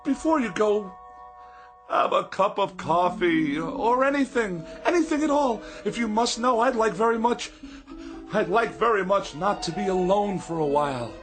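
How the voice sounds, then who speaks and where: A man's voice: on the low side, big pitch swings, moderate pace, gravelly, fairly bright tone, soft background music, heavily acted. A man acting in a radio drama as a haughty, fussy gourmet writer, wordy and emphatic, lonely and fearful underneath. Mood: pleading, awkward.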